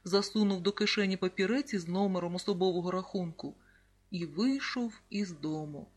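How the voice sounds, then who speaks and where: Calm children's audiobook narrator. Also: medium pitch, moderate pace, slightly rough. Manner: calm, even storytelling, reading out page numbers. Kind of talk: scripted narration of a children's book.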